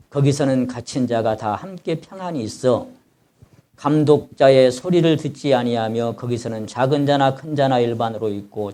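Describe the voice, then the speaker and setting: Warm and medium-pitched, a man's voice carries a pastor's sermon. He reads scripture out loud, explains it simply and with feeling, and cries out as though he were the sufferer.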